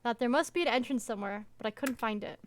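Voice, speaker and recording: A woman reading the lines of a pushy, possessive male ex-partner in a visual novel game, in her own higher voice. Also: fast, natural voice. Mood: matter-of-fact. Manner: plain, even reading of the lines.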